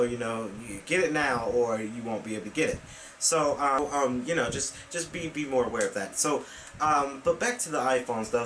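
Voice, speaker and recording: A man's voice: mid-range voice, a bit bright, slight background noise, poor audio. Young man rambling in a home vlog. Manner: rambling with many fillers and restarts; gestures with hands while talking. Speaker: vlog host. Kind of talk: casual vlog talk to camera. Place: small bedroom with computer desk, indoors.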